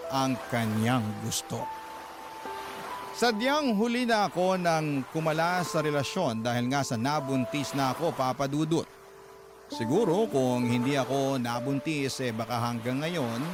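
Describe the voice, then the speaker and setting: This man's voice sits at medium pitch and sounds natural. Over background music, he narrates in the first person the letter of a young mother whose married lover betrayed her, taking on her heartbroken voice with confessional earnestness in a radio drama.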